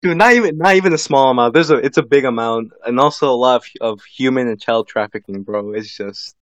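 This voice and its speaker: A podcast co-host spins long, rambling stories in casual chat, sprinkling in "like" and "bro." His medium-pitched voice is a bit bright and a little fast, captured in a dry, dull lo-fi recording.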